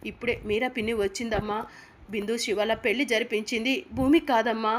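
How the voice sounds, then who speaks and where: A woman's voice: a little high, fairly even intonation, a little fast, a little hiss or hum, natural voice. A woman reading a remorseful young man. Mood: anguished. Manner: anguished, curt.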